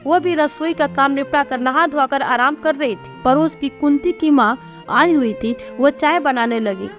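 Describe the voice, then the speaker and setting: High-voiced woman narrating a story. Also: normal speed, soft background music.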